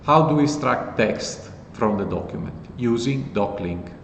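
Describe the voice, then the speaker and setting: A man hosting a casual tech tutorial, walking through code in a relaxed, plain explanatory way. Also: medium pitch, a little slow, vocal fry. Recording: echoey with long reverb and faint noise.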